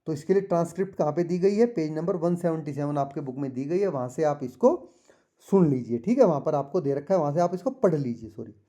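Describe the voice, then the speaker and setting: A male teacher going through a textbook chapter for exams, reading the English lines slowly and explaining them in Hindi, often checking with the pupils. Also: on the high side, dark tone. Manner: often asks the pupils "ठीक है?". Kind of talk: exam-prep lesson explaining a textbook chapter.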